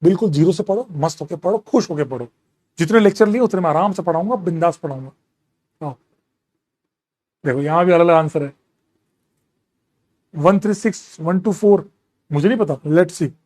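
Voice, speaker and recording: A man with a high voice teaches a live online chemistry class, counting atom numbers aloud and mixing English terms into his talk. He reads out student questions and answers them, teasing and jokingly scolding the class. His pitch sits well above most men's. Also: moderate pace, pauses often, a little mellow.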